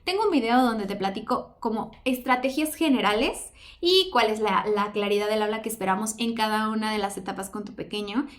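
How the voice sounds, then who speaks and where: A woman speaking as a speech therapist, giving an educational explanation to parents in a didactic way with carefully enunciated examples. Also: a little high. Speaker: speech therapist presenting a lesson.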